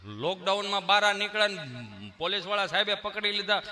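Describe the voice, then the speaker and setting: A man's voice: sits high, fairly even intonation, a little fast, bright, forceful tone. A male stand-up comedian with a Kathiawadi Gujarati accent, telling folksy stories on stage in rustic dialect. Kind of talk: live stand-up storytelling. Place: stage before a live audience.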